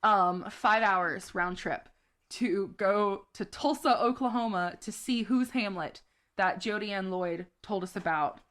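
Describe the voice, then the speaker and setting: A woman's voice: mid-range voice, measured pace, fairly bright tone. A woman co-hosting a theater podcast in casual chat, chatty and self-deprecating. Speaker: podcast co-host.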